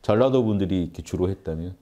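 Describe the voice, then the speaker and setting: A man's voice: deep voice, fast talker, warm tone, highs cut off. A man giving an earnest spiritual lecture on meditation, explaining and addressing his audience directly. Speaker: meditation teacher.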